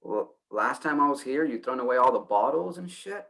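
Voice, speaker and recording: A man's voice: medium pitch, animated, moderate pace, gravelly, a bit bright. An actor playing a worried, exasperated male friend who presses with blunt questions in a stage play. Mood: pressing, worried.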